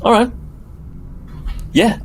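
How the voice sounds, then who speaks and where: A man narrating a tabletop game as game master, in a lively, animated way. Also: drawn-out words, slight background noise, rough recording.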